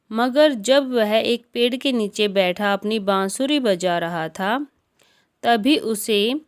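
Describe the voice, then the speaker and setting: Woman narrator, slow, calm storybook reading, bedtime tale. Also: medium pitch, clear, resonant tone.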